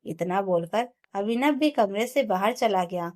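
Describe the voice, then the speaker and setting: A woman storyteller narrating an emotional family story in a steady, expressive way. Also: medium pitch, unhurried.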